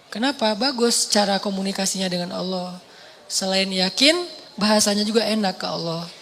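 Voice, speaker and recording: A man giving a casual, conversational sermon as a preacher, swinging between loud emphasis and soft asides. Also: sits high, moderate pace. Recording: echoey hall with faint noise.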